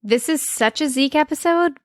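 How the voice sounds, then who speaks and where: A woman's voice: high-pitched, normal speed, no echo, clean studio sound. A young woman co-hosting a podcast, chatty and enthusiastic, with frequent ums and likes. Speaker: podcast co-host. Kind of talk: casual chat.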